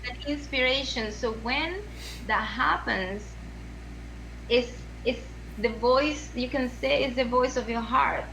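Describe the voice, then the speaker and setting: This Venezuelan woman speaks slowly in a high, creaky, fairly bright voice, captured in a muffled recording with a faint hiss or hum. Being interviewed on a podcast in her Venezuelan Spanish accent, she's earnest and keeps repeating and restarting as she gropes for words.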